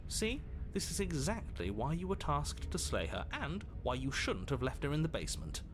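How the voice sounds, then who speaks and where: An actor playing an unseen narrator in a video game, theatrical and dramatic, with exasperated asides. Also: male voice, a little high, huge pitch swings, moderate pace, background noise. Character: unseen male narrator and excitable inner voice guiding hero.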